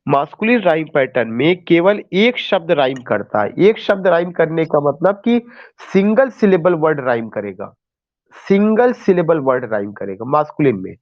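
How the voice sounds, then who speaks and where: A man's voice: a little high, very animated, normal speed, muffled recording. A male teacher giving an online class lecture, explaining step by step with rhetorical questions and mixing in English terms.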